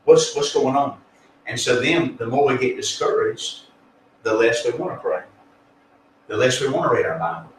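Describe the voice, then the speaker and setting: A man's voice: medium pitch, very animated, normal speed, a bit bright, a little hiss or hum. A man, a pastor, explaining faith in an earnest, folksy, conversational way, full of fillers and restarts. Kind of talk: conversational spiritual teaching. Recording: echoey room, distant mic, faint ambience.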